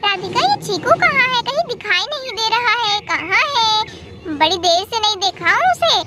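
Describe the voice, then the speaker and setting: A woman's voice: very high-pitched, big pitch swings, moderate pace. A woman voicing an easygoing father doll who explains things patiently. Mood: calm. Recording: loud background noise.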